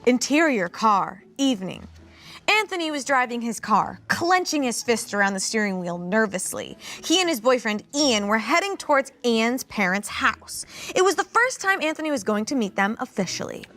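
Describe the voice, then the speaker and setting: A woman's voice: a little high, big pitch swings, normal speed, a bit bright. A woman narrating a fan-fiction story aloud for comedy, amused and often laughing.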